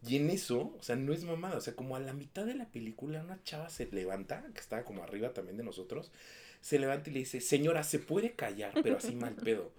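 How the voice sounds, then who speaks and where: A young man with a Mexican accent, co-hosting a casual chat and telling a slangy, animated story. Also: mid-range voice, fast talker. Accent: Mexican Spanish. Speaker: podcast co-host.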